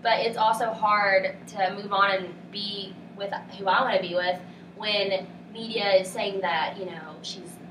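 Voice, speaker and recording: A woman's voice: medium pitch, fairly even intonation, unhurried, natural voice. Echoey woman playing a casual celebrity interviewee. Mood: defensive. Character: weary, good-humored female celebrity being interviewed. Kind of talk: improvised spoof interview. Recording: roomy, distant mic, faint background noise.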